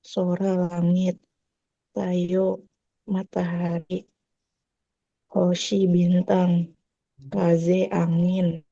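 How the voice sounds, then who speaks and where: Very slow, dark-voiced woman reading words. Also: lowish voice, flat delivery, vocal fry, no room sound, lo-fi sound. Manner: careful, word by word. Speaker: student. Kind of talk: reading a vocabulary list aloud.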